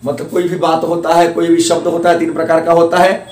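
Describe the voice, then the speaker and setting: A man's voice: a little high, completely flat delivery, fairly quick, a little mellow. A male teacher giving a grammar lesson, repeating key terms and asking questions he answers himself. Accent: Hindi, eastern. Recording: echoey room, mic at a distance.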